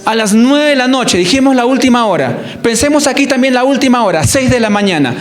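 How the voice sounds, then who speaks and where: Male preacher with a Colombian Spanish accent and a high voice, questions the congregation, acts out quotes. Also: lively intonation, a little fast. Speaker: pastor. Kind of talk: sermon. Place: church.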